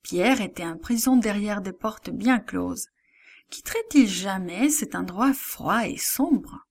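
Slow, expressive woman storyteller. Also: mid-range voice, vocal fry. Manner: slow and expressive, with hushed asides. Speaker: storyteller for a children's Bible lesson. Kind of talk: scripted narration for children.

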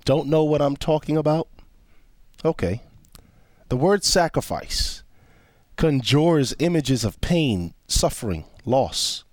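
Measured male host, dry studio sound. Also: a little high, animated, a little mellow, no echo. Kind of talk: scripted opening, then panel discussion.

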